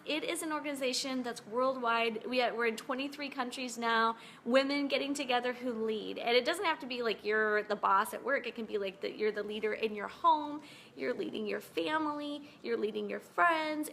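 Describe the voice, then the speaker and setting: A woman's voice: on the high side, fairly bright tone, a little hiss or hum. A woman chatting in a casual video diary at home, just woken up, upbeat and laughing often. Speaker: vlogger.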